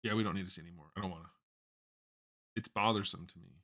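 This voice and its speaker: A man hosting a casual live-stream chat, blunt and quick to laugh, thinking aloud with plenty of fillers. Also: low voice, steady tone, bright, forceful tone. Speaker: host.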